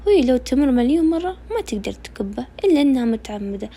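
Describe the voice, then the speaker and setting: A woman with a Najdi Saudi accent, reading a novel aloud in a quick conversational storytelling way. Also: high voice, sing-song, warm tone, a little hiss or hum. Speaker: narrator.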